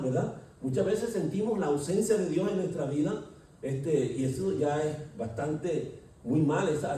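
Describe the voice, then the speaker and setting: A preacher giving an emphatic sermon and often asking the congregation rhetorical questions. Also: male voice, fairly high pitch, dark tone, slight background noise. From Colombia. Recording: echoey hall, distant mic.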